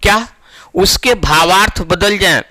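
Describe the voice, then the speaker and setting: A man teaching Hindi grammar as a classroom lecture, who repeats each phrase slowly for emphasis and asks the class questions. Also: high-pitched, bright, forceful tone, dry recording.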